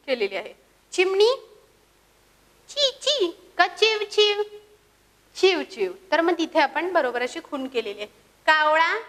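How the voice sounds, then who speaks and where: A woman's voice: high-pitched, a bit bright, long reverb tail. A woman teaching a lesson to young children, asking questions in a sing-song way and answering them herself. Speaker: primary school teacher.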